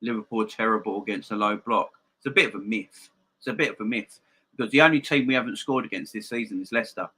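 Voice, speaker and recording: A man with a very bright, forceful voice and a slight gap-toothed lisp chats to viewers as a football stream host. He is emphatic and often repeats a phrase to drive it home. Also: on the low side, fast talker, husky. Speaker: football fan channel live stream host. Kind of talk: casual live-stream chat and football opinion, addressing viewers.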